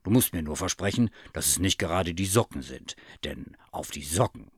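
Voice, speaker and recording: A man voicing a gentle, easygoing middle-aged father in a storybook reading, lower and relaxed. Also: normal speed, breathy edge, dry recording, clean studio sound.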